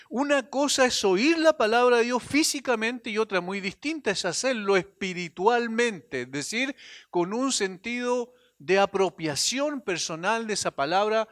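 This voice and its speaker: A man preaching a sermon as a pastor, earnest, swinging between emphatic lines and hushed drops, sometimes repeating and restarting phrases. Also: high voice, dry recording, studio quality.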